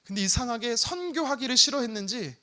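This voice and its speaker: A man's voice: extremely high pitch, a little fast. A male pastor preaching a Sunday sermon, telling a personal story with acted-out prayers. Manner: animated storytelling with prayer re-enactments.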